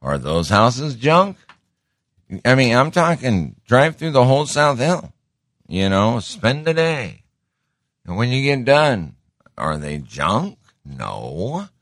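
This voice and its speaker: In a slow, sing-song monologue, a middle-aged show host with a deep but fairly bright voice rambles, interrupts himself and repeats words frequently. It's studio-quality audio with no echo.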